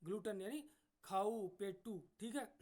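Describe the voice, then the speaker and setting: A man with a fairly high voice teaches an exam-prep English class. He explains each point slowly, repeats "ठीक है" as a check-in, and reads English sentences out with drawn-out care. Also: a little mellow.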